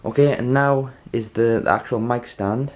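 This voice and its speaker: A man with a mid-range voice presents an informal how-to video tutorial. He speaks in a halting, rambling way and keeps checking in with the listener.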